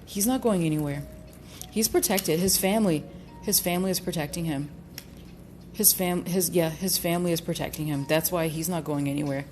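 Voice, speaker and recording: A woman with a slightly low voice talks her viewers through a casual tarot reading. She speaks haltingly, with frequent fillers, restarts and cautious hedging. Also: darkish tone, soft background music. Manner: cautious, hedging with repeated qualifiers. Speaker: tarot reader.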